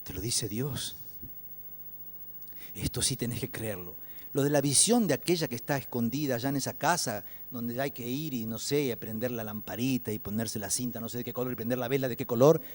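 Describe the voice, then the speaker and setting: A man, a priest, teaching guided prayer, who swings from loud exclamations to hushed whispers and acts out scripture quotes. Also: medium pitch, fairly quick. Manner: speaks intimately to listeners, acting out scripture quotes.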